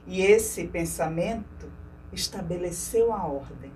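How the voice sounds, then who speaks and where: A woman storyteller narrating a myth slowly and dramatically, dropping to hushes and rising to swells. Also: fairly low pitch, expressive. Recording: distant mic with faint noise.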